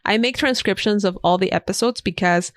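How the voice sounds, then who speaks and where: The recording is dry and studio quality, capturing a woman's brisk, mid-range voice in a podcast studio. Her first language is Spanish, and as a guest in a casual interview she recommends things eagerly, emphatically repeating herself.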